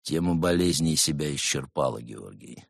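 A man voicing a stern, grim monk who speaks low and quietly menacing. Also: lively intonation, moderate pace, creaky, no room sound, studio quality, exaggerated voice.

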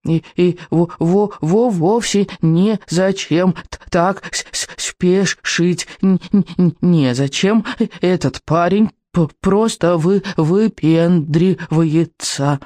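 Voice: mid-range voice, mellow, no echo, studio quality, natural voice. A reader voicing a grumpy small pet dragon who stutters and drags out his words, in an audiobook. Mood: grumbling. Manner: stutters, slow.

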